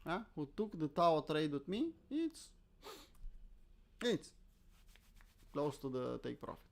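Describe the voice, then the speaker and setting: He's a Romanian crypto trader with a Romanian accent whose voice sits on the high side, slow and very animated, with vocal fry. Hosting live trading commentary, he stays casual and self-deprecating, regularly asking questions and then answering them.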